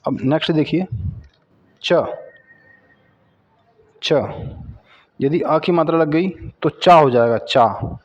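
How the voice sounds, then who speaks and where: A man teaching children Hindi vowel signs in a patient way, repeating each word and syllable slowly. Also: a little high. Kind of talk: slow children's Hindi spelling lesson.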